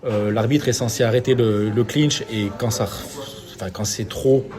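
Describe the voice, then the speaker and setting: A man's voice: lowish voice, normal speed, a crowd in the background. A man with a French accent talking boxing in a casual podcast chat, hesitant, restarting his sentences with fillers. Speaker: podcast co-host.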